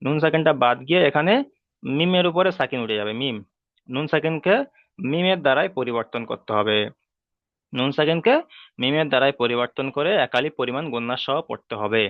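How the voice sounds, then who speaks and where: Tinny and dry as if over a phone, the middle-pitched voice of a male Quran teacher guides an online tajweed lesson. He explains the rules patiently and repetitively, asks frequent checking questions, and slowly draws out Arabic sounds when showing them.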